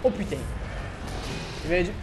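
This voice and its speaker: A man's voice: moderate pace, music in the background. A man in his twenties giving casual, chatty gameplay commentary as a let's player, joking and laughing often. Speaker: let's play gamer. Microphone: home streaming mic setup.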